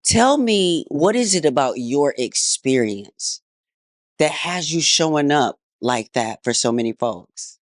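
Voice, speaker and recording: A woman's voice: sits low, lively intonation, takes it slowly, dry recording, studio quality. A woman hosting a casual interview, effusive and playful, with slangy speech. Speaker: host.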